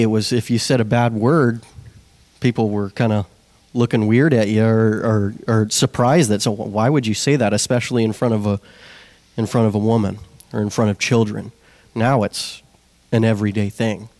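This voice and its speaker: A man's voice: lowish voice, a little mellow, dry recording. A young man preaching a plain, conversational sermon, putting one question after another to the congregation. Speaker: lay preacher.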